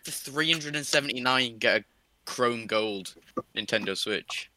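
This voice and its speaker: A man's voice: medium pitch, unhurried, crowd noise. A young man from England hosting a casual podcast chat with friends, joking and laughing often. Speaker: podcast host.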